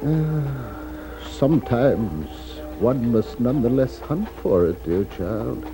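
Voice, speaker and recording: A man playing a sorrowful gentle huntsman. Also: medium pitch, animated, takes it slowly, over music, low-quality recording. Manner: soft-spoken, hesitant, melancholy. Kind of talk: storybook record acting.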